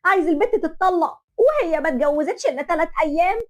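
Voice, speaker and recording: A woman's voice: extremely high pitch, animated, quick pace, pitched above the performer's own voice. A woman voicing a worried mother of the bride with an Egyptian accent, fretful and pleading. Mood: anxious.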